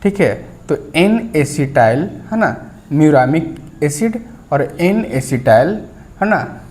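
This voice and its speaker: A man's voice: a little high, a little mellow. A man teaching a science lesson, explaining step by step, checking in with the listener and repeating key terms. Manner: clears throat now and then.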